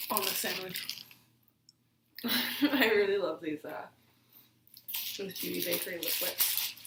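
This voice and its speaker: Woman vlogger, casual rambling chat while eating, roomy distant audio with faint hiss. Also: medium pitch. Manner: chatty, rambling with fillers between bites.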